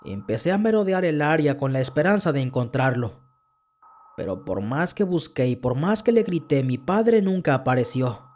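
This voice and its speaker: Man, podcast horror narrator, slightly high voice, warm tone, earnest storytelling. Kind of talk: scripted first-person horror narration.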